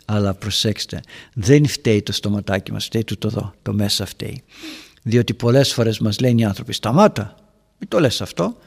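A man's voice: fairly low pitch, steady tone, creaky. A man, a priest, giving a homily to a group of parents, telling stories and addressing his listeners as his dear ones. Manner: storytelling, acting out dialogues in raised voices. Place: church hall. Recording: long church-hall reverb.

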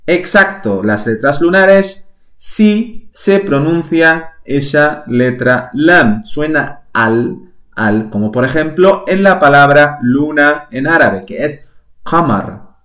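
Male podcast teacher, unhurried and patient, mid-pitched, recorded in a roomy space. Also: expressive, fairly bright tone. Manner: slow, patient, spells out words and repeats them. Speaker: language teacher. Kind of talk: podcast language lesson.

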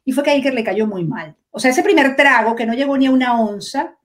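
Woman, Venezuelan accent, high voice, animated storyteller, acts out quotes. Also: fast. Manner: animated, laughs often, acts out quoted dialogue. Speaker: guest, breastfeeding promoter. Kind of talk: casual storytelling interview.

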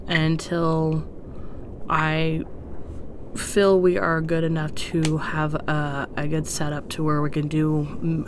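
A woman with a low voice talks casually to her podcast listeners, short of breath as she goes. Her delivery is hesitant, rambling and apologetic. There is clear background noise under the recording. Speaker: podcast host.

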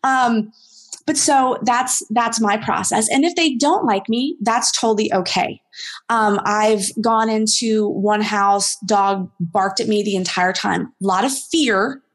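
A woman dog trainer chatting casually as an interview guest, rambling with lots of ums and restarts. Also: fairly high pitch.

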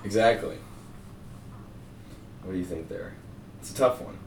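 A man's voice: deep voice, measured pace, darkish tone, a little hiss or hum. A young man hosting a podcast in casual chat, rambling with lots of fillers. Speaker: podcast host. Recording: roomy sound, mic at a distance.

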